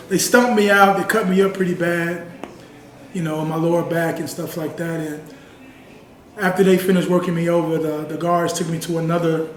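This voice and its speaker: A man with a high voice recounts his experiences in a sit-down interview, earnest and conversational. He is picked up from a distance by the mic. The room is roomy, with a faint hum of ambience behind him. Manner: earnest, conversational, heavy use of "you know". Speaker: interview guest. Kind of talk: personal storytelling in a sit-down interview.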